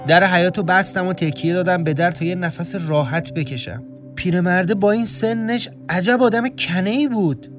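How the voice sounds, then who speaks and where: A man narrating a suspenseful first-person story in a tense, inward tone. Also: high voice. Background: faint music.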